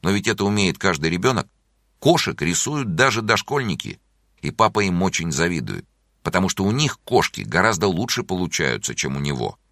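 A man narrating a children's story as an audiobook in an expressive, playful way. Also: low-pitched, fairly quick, no echo, clean studio sound.

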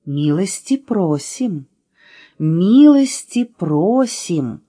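A woman voicing a fussy, scolding talking letter in a children's storybook reading, with a slightly husky voice. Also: on the low side, huge pitch swings, slow pace, no room sound, clean studio sound, full character voice. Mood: welcoming. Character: gruff, welcoming female talking letter И.

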